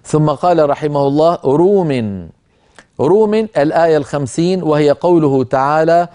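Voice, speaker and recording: Middle-aged guy teaching quran reading, slightly high voice, mellow tone, calm and measured. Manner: measured, explanatory, chants verses slowly. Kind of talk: lecture on a tajweed poem.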